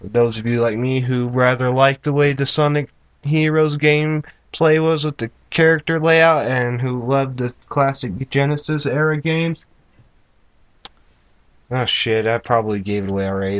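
This gaming host talks at normal speed in a medium-pitched, steady voice, swearing casually and addressing viewers like folks while he plays. The recording sounds muffled, captured by an amateur camera pointed at a TV, with game music behind him.

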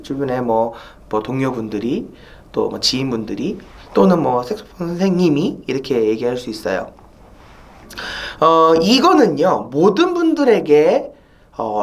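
A woman gives a spoken saxophone lesson, her pitch leaping up and down all the time. She often asks her viewers rhetorical questions and fills gaps with short hesitation sounds. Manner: asks rhetorical questions, many "eo" and "mwo" fillers. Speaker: saxophone teacher.

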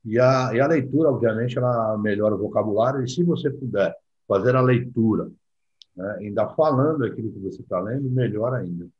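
A man from Brazil co-hosting a talk, speaking in a relaxed, agreeing way. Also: on the low side, fairly quick, slightly rough. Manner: relaxed, agreeing, explains with assim and né. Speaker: co-host. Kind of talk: casual discussion. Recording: dull lo-fi audio.

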